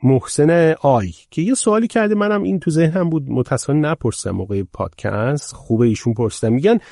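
A man hosting a podcast, reading out listener questions and adding lively asides of his own. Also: on the high side, creaky, no room sound, clean studio sound. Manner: curious, reads out listener questions, animated asides. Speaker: podcast host. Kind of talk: podcast conversation.

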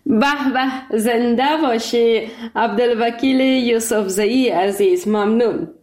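A woman's voice: on the high side, fairly even intonation, a little mellow, roomy sound. A woman hosting a live radio call-in show, polite and formal with callers.

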